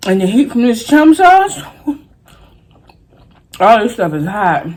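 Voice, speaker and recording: A woman's voice: fairly high pitch, big pitch swings. A woman chatting casually and colloquially to viewers while eating crunchy fried chicken in a mukbang vlog. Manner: folksy, colloquial, drawn-out exclamations. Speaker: mukbang vlogger.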